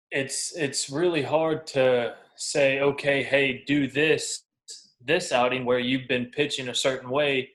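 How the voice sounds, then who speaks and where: The recording is rough as a twenty-something professional pitcher answers interview questions in a casual, candid, anecdotal style with colloquial wording. His voice is medium-pitched and a bit bright.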